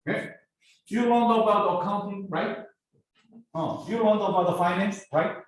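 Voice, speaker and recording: In a classroom lecture captured from far away in an echoing room, a male business professor from South Korea challenges students with rhetorical questions. He has a Korean accent and a high-pitched voice, speaking at normal speed.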